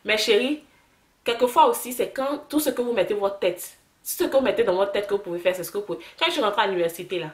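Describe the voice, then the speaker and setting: Talking fast in an echoey room, a young Ivorian vlogger with a medium-pitched voice speaks animated French to the camera. She often restarts and sprinkles English words into her casual chat.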